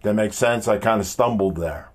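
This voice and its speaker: A motivational speaker with a deep, powerful voice gives an informal monologue packed with rhetorical questions. He's emphatic and blunt, halting as he goes and often repeating himself.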